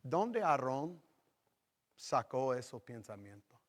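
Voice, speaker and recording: Slow-preaching pastor in a reverberant church. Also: male voice, mid-range voice, very animated. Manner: slow preaching with sudden loud rises on acted quotes. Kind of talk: sermon. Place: church sanctuary. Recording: long reverb of a church hall.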